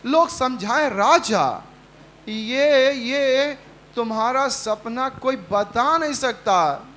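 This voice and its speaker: A man's voice: very high-pitched, animated, extremely slow, fairly bright tone, slight background noise. A male pastor preaching a Sunday sermon, leading the congregation in call-and-response and acting out the quotes he tells. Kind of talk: Hindi sermon. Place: church service.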